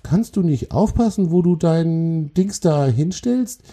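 A man's voice: on the high side, animated, slow, warm tone, pitched above the performer's own voice, heavily acted. A man voicing a tiny, cross female forest spider who scolds and grumbles impatiently, in a spoken children's story. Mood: indignant scolding.

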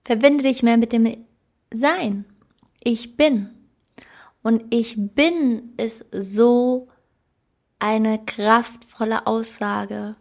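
A woman's voice: fairly high pitch, drawn-out words, vocal fry. A woman coach giving an earnest, emphatic self-help talk, who laughs at her own slips. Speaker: life coach. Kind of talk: motivational self-help monologue.

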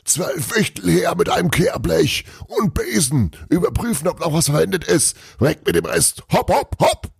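Furious storybook Santa, man-voiced, high strained bellow, gravelly. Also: big pitch swings, normal speed, few pauses, dry recording, clean studio sound, exaggerated voice. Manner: bellowing, then muttering hoarsely. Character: furious old Santa Claus, huge and loud.

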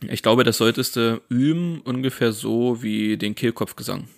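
A man from Saxony co-hosting a casual podcast, relaxed and hesitant with lots of fillers. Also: medium pitch, moderate pace, creaky, dry recording, studio quality. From Saxony, Germany. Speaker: podcast co-host. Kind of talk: casual chat.

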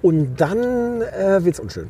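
A man co-hosting a casual podcast, teasing his partner while feeling his way through with fillers. His voice sits a bit high, and its tone stays mellow and dark. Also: big pitch swings, takes it slowly, slight background noise. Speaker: podcast co-host.

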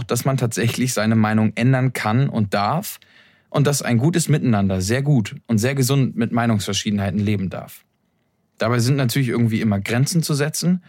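A man's voice: medium pitch, dry recording, clean studio sound. Earnest young man introducing his podcast. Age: young adult. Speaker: podcast host. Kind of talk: reflective scripted intro monologue. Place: his room, seated in an armchair.

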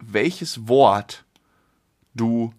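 A man's voice: medium pitch, drawn-out words, a little mellow. A man in his thirties co-hosting a podcast, chatting casually, laughing easily and explaining things. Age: 30s. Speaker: podcast co-host. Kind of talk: casual chat.

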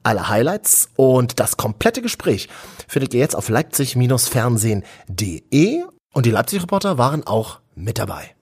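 Male podcast host, husky tone, animated intonation, upbeat scripted magazine delivery. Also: mid-range voice, normal speed.

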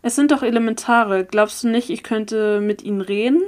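A woman's voice: on the high side, moderate pace, lightly acted. A woman reading aloud, voicing a young male elemental who questions things hesitantly and uneasily.

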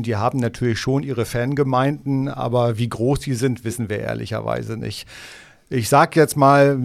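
A middle-aged man from East Frisia, an editor-in-chief chatting frankly and casually on a podcast, dropping Low words. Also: gravelly. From East Frisia, northern Germany. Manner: relaxed, frank, mixes in Low German words.

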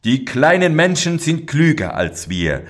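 A man's voice: on the high side, very animated, measured pace, pitched above the performer's own voice. A man voicing two quarrelling giants in a storybook fairy tale, blunt and simple. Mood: quarrelsome.

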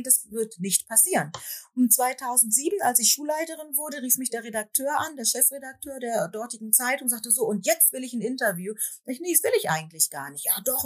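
Sex: woman. Pitch: fairly high. Role: school principal and author. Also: breathy edge. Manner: reflective, hesitant with many fillers. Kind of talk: conversational interview.

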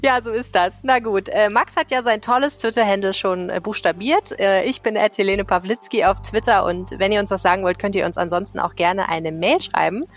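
A woman hosting a casual news podcast, chatty and quick to laugh, reading the promo cheerfully. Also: mid-range voice, faint music behind. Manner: chatty, laughs easily, reads promo brightly. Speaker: podcast host.

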